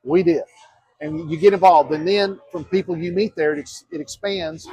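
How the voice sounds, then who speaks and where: A man's voice: on the high side, steady tone, moderate pace, warm tone, husky, no room sound, low-quality recording. A man, talking earnestly in a casual interview, rambling and restarting as he goes. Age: 50s. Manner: earnest, rambling with frequent restarts and quoted asides. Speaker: mayoral candidate.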